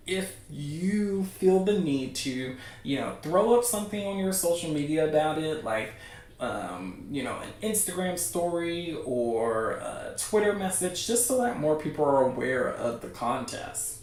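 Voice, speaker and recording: A man hosting a livestream chats casually and encouragingly with his viewers, his fairly high, darkish voice moving with lively intonation at an unhurried pace. The room is very echoey and the mic is distant.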